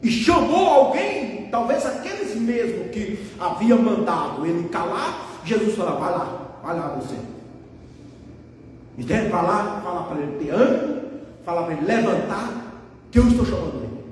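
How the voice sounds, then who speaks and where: A man's voice: high voice, lively intonation, moderate pace. A man preaching a sermon to his congregation, emphatic and conversational as he speaks to them directly. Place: church. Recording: echoey hall from far off, faint noise.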